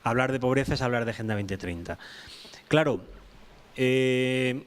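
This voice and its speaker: A man's voice: medium pitch, a little slow, a little hiss or hum. Emphatic man at a panel. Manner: emphatic, repeats points, many restarts. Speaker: panel speaker. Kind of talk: round-table talk.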